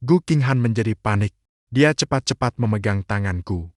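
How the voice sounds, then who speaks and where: A man giving steady first-person scripted narration of a story recap. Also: on the low side, moderate pace, dry recording, studio quality.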